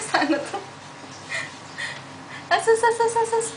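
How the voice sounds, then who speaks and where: A woman's voice: very high-pitched, slow. A woman on a video call, talking in doting, cooing baby talk to her baby. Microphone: computer microphone on a video call. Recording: noisy home video-call recording.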